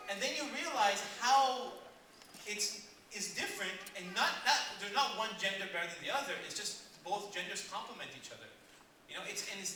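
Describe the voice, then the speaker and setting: Animated man doing stand-up in an echoey hall. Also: sits high. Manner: animated storyteller, acts out husband and wife. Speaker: stand-up comedian. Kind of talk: stand-up comedy. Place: large hall with live audience. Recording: echoey hall, distant mic, loud noise.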